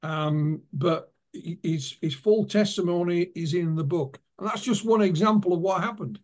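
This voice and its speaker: A man's voice: sits high, normal speed, a little mellow. A man being interviewed as an author, telling anecdotes and retelling what witnesses told him. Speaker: author and guest. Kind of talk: interview storytelling.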